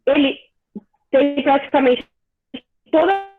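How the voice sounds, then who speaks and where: A woman's voice: high-pitched, takes it slowly, soft background music. Sex: woman. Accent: Brazilian Portuguese. Role: physics teacher in an online class. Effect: glitchy audio cutting out. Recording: tinny video call. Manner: explanatory, checks in often with the class. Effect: glitchy audio that cuts out and freezes mid-word.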